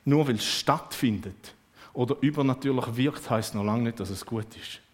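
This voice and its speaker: A man preaching a sermon, lively and emphatic, with sudden swings in loudness. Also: medium pitch, normal speed.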